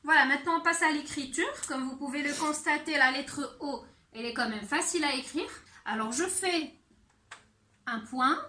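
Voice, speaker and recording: A woman teacher giving a handwriting and sounds lesson to young children, speaking slowly and clearly. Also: sits high, sharp tone, roomy sound. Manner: slow, clear teacher talk addressed to children. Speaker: primary school teacher.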